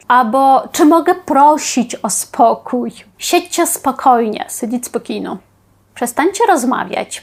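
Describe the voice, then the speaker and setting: A woman with a high voice leads a Polish vocabulary lesson. She says each phrase slowly and carefully, then repeats it in Ukrainian, like a patient classroom teacher. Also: a little mellow. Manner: reads Polish phrases and gives Ukrainian equivalents; slow, careful enunciation of key phrases.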